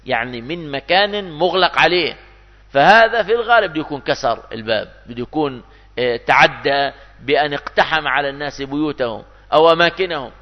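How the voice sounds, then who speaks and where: Male preacher in a hall. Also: fairly high pitch. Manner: lively, rhetorical, quoting and acting out imagined speakers. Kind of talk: sermon. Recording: dull echoey hall.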